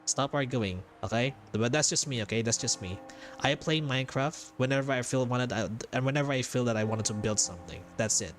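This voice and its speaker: A man with a medium-pitched voice talks briskly and casually while livestreaming a game playthrough as a gaming vtuber, often repeating short phrases. Faint music plays behind him, and his stream mic picks up background noise.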